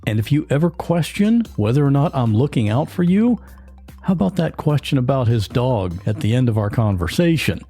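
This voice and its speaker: A man's voice: mid-range voice, sing-song, moderate pace, mellow, slightly rough, soft background music. A man hosting a podcast, speaking casually and directly to his listeners. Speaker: podcast host. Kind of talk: interview and scripted outro.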